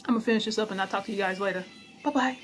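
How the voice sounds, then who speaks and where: A woman's voice: medium pitch, very fast, faint music behind, poor audio. Blunt woman vlogging while eating. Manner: blunt, encouraging, eats while talking. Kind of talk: casual talk to camera.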